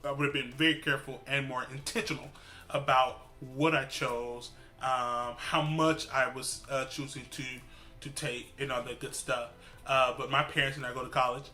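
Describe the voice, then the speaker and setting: A man in his twenties, a student advocate, speaking in an earnest, measured way in a testimonial interview. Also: mid-range voice, level tone, sharp tone, faint music behind.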